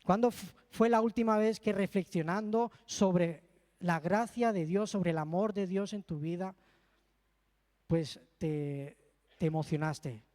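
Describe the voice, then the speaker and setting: A man's voice: sits high, measured pace, darkish tone. A man preaching a sermon in a church and telling a heartfelt personal testimony. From Spain. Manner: earnest, heartfelt storytelling with emotional asides. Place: church hall. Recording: long reverb of a church hall.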